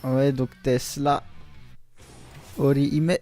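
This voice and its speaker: A man giving casual commentary on his game pulls, excitable and groaning aloud whenever the luck turns against him. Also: mid-range voice, takes it slowly, faint music behind. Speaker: gaming YouTuber.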